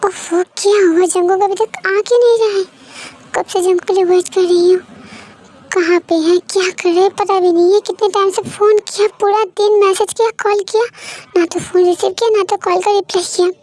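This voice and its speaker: A woman's voice: extremely high pitch, steady tone, a little fast, darkish tone, voice pushed up. A woman voicing an anxious, tearful pregnant young wife who pleads with her husband. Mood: worried. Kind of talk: fan story voice acting.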